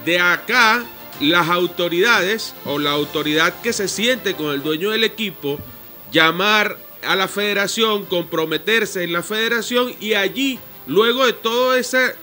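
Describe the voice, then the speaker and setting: Venezuelan male panelist, bright voice, explains patiently, faint music under him. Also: high-pitched, measured pace. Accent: Venezuelan Spanish. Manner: explanatory, addresses host formally. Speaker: radio show panelist. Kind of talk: debate commentary.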